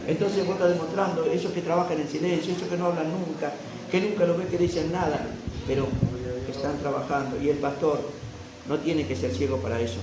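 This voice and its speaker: A man preaching a fervent sermon as pastor, rising to loud proclamation. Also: a little high, background noise. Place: church hall. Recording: echoey church sound from a distant mic.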